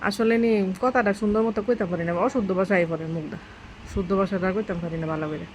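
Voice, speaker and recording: A woman's voice: medium pitch, steady tone, brisk, a little mellow, slight background noise. A woman vlogger with a rural Bangladeshi dialect, chatting to her viewers outdoors in a homely, rambling way. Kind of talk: casual chat to viewers. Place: outdoors near birds.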